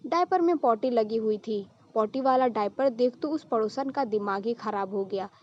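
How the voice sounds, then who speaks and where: Brief: female storyteller, slightly high voice, scripted narration, muffled lo-fi audio. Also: normal speed, slight background noise.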